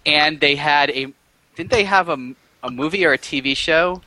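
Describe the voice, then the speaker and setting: A man co-hosting a casual movie podcast, explaining scenes with quick restarts. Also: on the high side, bright, forceful tone, no room sound, rough recording. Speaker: podcast co-host.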